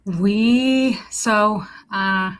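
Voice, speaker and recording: A woman in her forties, from Romania, answering interview questions over a video call in a measured, thoughtful way with frequent ums. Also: medium pitch. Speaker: guest, talent executive. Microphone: webcam on a video call.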